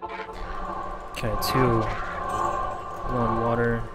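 A man streaming a game and talking it through live. He is chatty and excitable, and he repeats phrases in playful bursts. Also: medium pitch, drawn-out words. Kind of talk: live gameplay commentary. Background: game music.

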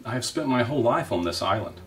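A man voicing a calm, literal storybook robot. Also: mid-range voice, fast talker, far from the mic, voice pushed up, natural voice. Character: calm female robot, polite and plain.

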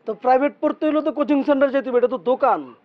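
A tea-stall customer in a TV comedy who argues every point. He talks fast in a high voice, with speech. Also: muffled recording. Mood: arguing. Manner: argumentative, quick retorts. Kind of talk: TV comedy drama acting.

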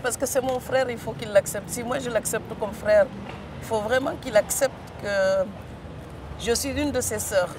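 A woman's voice: a little high, moderate pace, noisy background. Senegalese woman author, rolling her R's. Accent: Senegalese French. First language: Serer. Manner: emphatic, rolled R, frequent hesitation fillers. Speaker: author guest. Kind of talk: studio interview.

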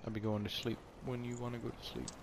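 A man's voice: mid-range voice, flat delivery, fast, vocal fry, background noise. A man chatting casually and teasingly with his partner while gaming, laughing often.

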